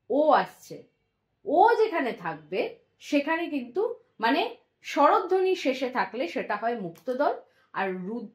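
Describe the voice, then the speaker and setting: Lively high-voiced woman teacher. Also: reverberant. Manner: patient, drawn-out demonstration of words. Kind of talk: explaining a class lesson.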